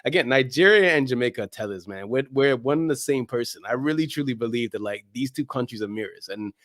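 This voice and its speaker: With a mid-range, fairly bright voice and lively intonation, a man who creates a soccer podcast talks quickly as an interview guest. The chat is casual and animated, full of slang, emphasis and repeated phrases for effect, and the studio-quality audio has no echo.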